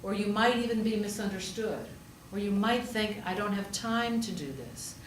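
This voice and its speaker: A woman of medium pitch preaches at normal speed, telling a conversational story-sermon rich in rhetorical questions and emphatic repetition. Besides pastoring, she is a hospital chaplain. The sound is distant and roomy with faint background noise.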